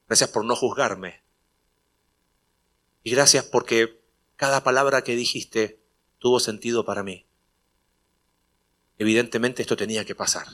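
A man's voice: on the low side, a bit bright. A man preaching a sermon, telling a personal story in a conversational way and acting out the dialogue before building to emphatic preaching. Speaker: pastor.

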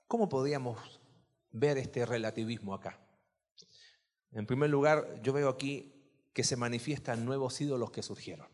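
A man's voice: mid-range voice, moderate pace, long pauses, darkish tone, in a large hall. A man preaching a sermon in a church, chatty and full of questions to the congregation. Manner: conversational, asks the congregation questions. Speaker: pastor.

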